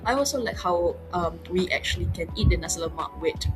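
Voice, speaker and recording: A woman's voice: fairly low pitch, expressive, fairly quick, over music, low-quality recording. A young woman from Malaysia, presenting with frequent hesitations. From Selangor, Malaysia. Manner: hesitant, many ums. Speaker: student presenter. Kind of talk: class presentation.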